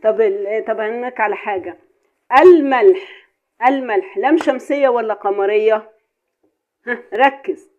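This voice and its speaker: A woman's voice: fairly high pitch, normal speed, a little mellow. A woman with an Egyptian accent, a mother chatting casually through a home cooking vlog, playful and teasing as she quizzes and jokes. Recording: tinny phone-like audio with faint hiss.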